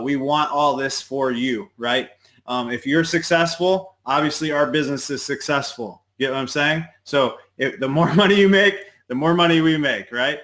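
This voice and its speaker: A man's voice: fairly high pitch, a bit bright. A man co-hosting a live stream, talking to viewers in an earnest, rambling way and checking in with them as he goes. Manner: earnest and rambling, leans on filler questions. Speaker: livestream co-host. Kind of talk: casual live-stream chat.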